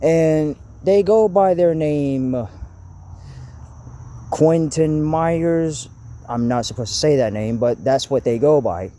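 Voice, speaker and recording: Young guy ranting into his camera, slow and stumbly, keeps restarting, mellow kinda high voice. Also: a little hiss or hum. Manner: halting, stuttering, restarts sentences. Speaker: channel host. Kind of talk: casual vlog rant to camera. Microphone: camera mic.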